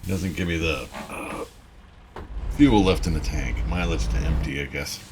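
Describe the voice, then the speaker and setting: Middle-aged man from Wisconsin, gravelly low voice, casual rambling game commentary. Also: normal speed, slight background noise. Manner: rambling, chatty, folksy. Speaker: gaming YouTuber. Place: home gaming room with driving rig. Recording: loud truck game audio underneath.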